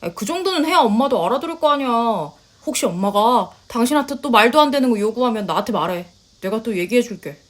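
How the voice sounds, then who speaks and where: A woman voicing a blunt, self-assured young husband in a lowered, matter-of-fact voice, in a story reading. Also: lively intonation, fast talker. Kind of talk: storytelling voice acting.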